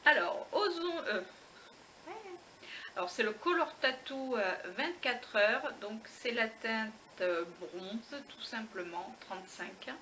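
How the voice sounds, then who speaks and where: Woman vlogger, chatty and exclamatory, bright timbre, faint background noise. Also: on the high side, expressive, slow, low-quality recording. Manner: chatty, exclamatory, many fillers and restarts. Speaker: beauty vlogger. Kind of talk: casual unboxing chat.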